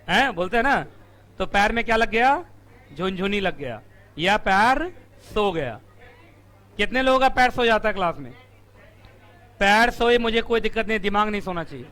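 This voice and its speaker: A male company law teacher, giving a live classroom lecture. He teases the students, asks them questions and answers them himself, and his throat is strained from shouting. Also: high voice, lively intonation, normal speed, long pauses. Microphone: room mic.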